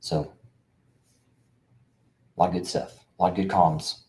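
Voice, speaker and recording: Speaking straight to camera in a casual monologue, a middle-aged veterans' benefits coach and show host preaches emphatically, with frequent repetition and many uhs. He has a low, slightly mellow voice and an unhurried, flat delivery.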